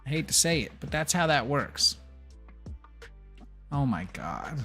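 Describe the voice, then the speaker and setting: A man's voice: fairly high pitch, big pitch swings, unhurried, pushed and bright, soft background music. A man streaming a video game and chatting casually, ranting bluntly and swearing. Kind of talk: casual livestream chat while gaming.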